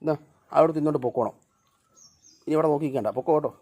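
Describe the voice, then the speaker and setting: A vlogger talking casually to dogs and cats while feeding them, coaxing, scolding and calling out loudly in homely colloquial speech. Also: mid-range voice, very fast, breathy edge. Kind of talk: casual talk to animals.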